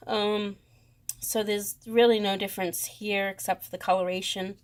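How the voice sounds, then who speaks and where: A woman with a Boston accent, talking slowly through a tarot deck comparison with many pauses and fond praise. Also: medium pitch, little pitch movement. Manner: slow, hesitant, lots of ums, gushing. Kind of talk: casual deck walkthrough.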